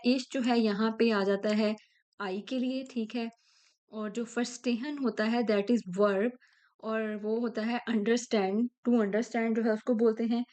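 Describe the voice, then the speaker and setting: Slow-paced woman teaching German. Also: fairly high pitch, a little mellow. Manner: slow, explains step by step, ends phrases with "ठीक है?". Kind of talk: language lesson explaining textbook.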